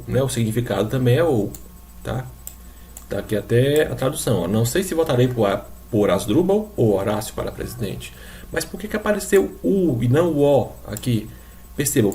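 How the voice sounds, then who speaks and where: A man's voice: medium pitch, a little mellow. Patient Brazilian man teaching a class. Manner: explains patiently, repeats examples, checks in with students. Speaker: Spanish teacher. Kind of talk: recorded online class lecture.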